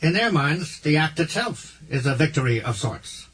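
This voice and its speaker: A man voicing a stern, formal male alien governor in an audiobook, speaking firmly and with measured weight, husky-voiced. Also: a little high, animated, a bit bright, pitched above the performer's own voice.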